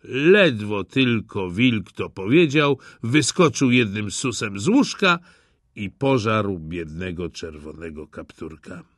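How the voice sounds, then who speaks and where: A man giving an expressive, dramatic reading of a fairy tale as storyteller. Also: lowish voice, slow, no echo, studio quality. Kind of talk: scripted storybook narration.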